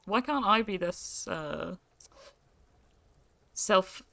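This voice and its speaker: A young British woman streaming a game, chatting casually and reading out her character's lines, with plenty of pauses and fillers. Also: mid-range voice, animated, creaky, bright, forceful tone, dry recording. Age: young adult. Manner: chatty, reads player lines aloud, hesitant with fillers.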